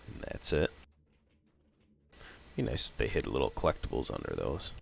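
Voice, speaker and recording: A man with a sick voice giving relaxed, casual commentary over his own gameplay, thinking aloud as he plays. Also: extremely low pitch, moderate pace, creaky, slight background noise. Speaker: gameplay video host.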